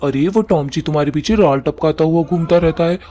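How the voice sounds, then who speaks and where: A man's voice: on the high side, a little fast, dark tone, natural voice. Man doing a cheeky, persistent young suitor. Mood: pestering.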